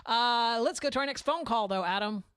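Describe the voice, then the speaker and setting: A man's voice: very high voice, normal speed, a bit bright, smooth, no room sound. A man hosting a casual live-stream podcast, chatty and upbeat as he plays listener calls. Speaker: podcast host.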